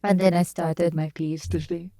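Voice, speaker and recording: Soft-toned young woman. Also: fairly low pitch, flat delivery, moderate pace, no echo. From Bangladesh. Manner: hesitant, short answers with many uhs. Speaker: PhD student, guest. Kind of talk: podcast interview.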